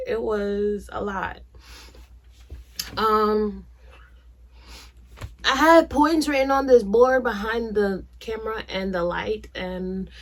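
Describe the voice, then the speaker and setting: Blunt, chatty young New woman. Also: mid-range voice. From New York. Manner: candid, blunt and chatty with slang. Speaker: vlogger. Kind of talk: casual talk to camera.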